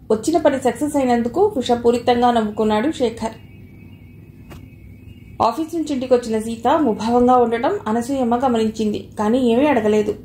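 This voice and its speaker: A woman narrating an audio novel in a calm, even storytelling manner. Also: a little high. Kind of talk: scripted narration. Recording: echoey room, faint hiss.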